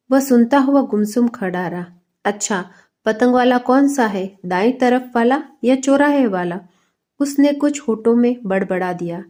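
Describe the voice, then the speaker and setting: Strict dad grilling his kid, pushy scolding questions - a lady doing the voice, mellow tone. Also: a little high, close to an everyday voice. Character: stern middle-aged father questioning his son.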